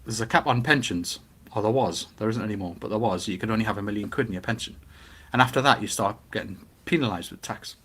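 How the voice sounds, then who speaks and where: A middle-aged man with a Newcastle Geordie accent, chatting casually and giving his opinions in an animated way, with rhetorical questions. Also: on the low side, fast talker, few pauses, husky. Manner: animated storytelling with acted-out quotes and rhetorical questions.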